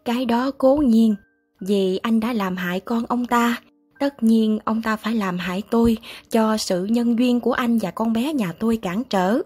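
A woman reading aloud voices a calm elderly gentleman who speaks in a measured, gently wry way, with a husky voice. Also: fairly high pitch, faint music behind.

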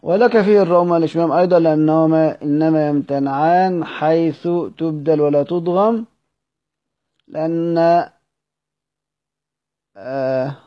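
A man with an Egyptian Arabic accent who teaches Quran recitation. He reads a classical text aloud, then explains it in colloquial speech and keeps asking rhetorical questions. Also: on the high side. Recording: dull lo-fi audio recording.

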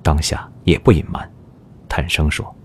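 A man's voice: rumbling low, flat delivery, normal speed, darkish tone. A man narrating a historical audio drama in a scripted, dramatic storytelling style. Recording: music behind the narration.

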